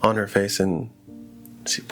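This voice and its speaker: A man's voice: fairly low pitch, level tone, measured pace, fairly bright tone, soft background music. Casual man telling a horror story. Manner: loose and conversational, full of fillers like "you know" and "like".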